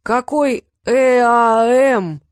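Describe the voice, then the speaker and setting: A woman's voice: medium pitch, animated, normal speed, no room sound, studio quality, natural voice. A woman reading an audiobook voices a tired, grumpy old male wizard who speaks with exasperated sarcasm. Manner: exasperated, sardonic.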